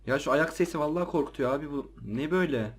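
A jumpy let's play gamer narrates a horror game in casual commentary, chattering in slang to his viewers and startling easily. He talks fast in a husky voice that sits a little high.

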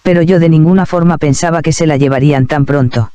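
A man calmly and reverently reading a first-person devotional memoir aloud as narrator. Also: fairly high pitch, fast, clear, resonant tone, no echo, highs cut off.

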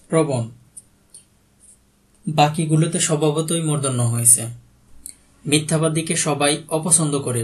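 Higher-voiced Bangladeshi male tutor. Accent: Bangladeshi Bengali. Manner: reads each question then gives the answer plainly. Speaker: exam prep tutor. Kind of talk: reading out quiz answers with explanations.

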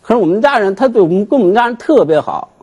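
A man, a guest telling his grievance on a TV talk show in an animated, aggrieved way. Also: sits high, rapid-fire, husky. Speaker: guest, husband seeking divorce. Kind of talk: emotional storytelling on a TV talk show.

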